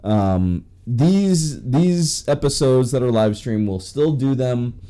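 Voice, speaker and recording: A man's voice: mid-range voice, expressive, slow, mellow. A man hosting a podcast in casual chat, rambling with many restarts and fillers. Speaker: podcast host.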